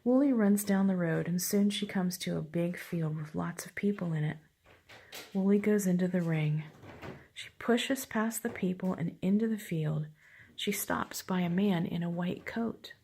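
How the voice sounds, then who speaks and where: An older woman reading a picture book to her grandchild at home, talking quietly and half-whispering. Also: on the low side, unhurried, slight background noise. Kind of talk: hushed storybook reading.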